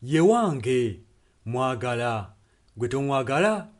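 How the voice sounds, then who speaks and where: A Ugandan man translates a sermon consecutively, phrase by phrase, in an earnest manner while music plays in the background. His mid-range voice has big pitch swings and a slow delivery.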